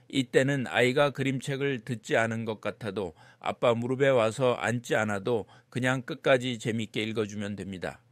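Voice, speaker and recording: A man narrating a scripted informational text in a measured, explanatory way. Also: mid-range voice, no echo.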